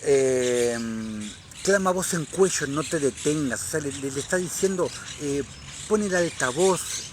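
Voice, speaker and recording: A man reading scripture and preaching on it, fervent and rising to loud, emphatic declarations. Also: on the high side, background noise. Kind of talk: Bible reading and sermon commentary.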